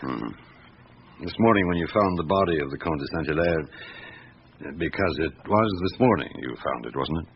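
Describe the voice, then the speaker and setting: An actor playing a patient, persistent police chief inspector questioning a witness in a radio drama, with deliberate hums and pauses. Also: male voice, extremely low pitch, expressive, exaggerated voice. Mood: probing, pressing. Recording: dull lo-fi radio recording with clear hiss.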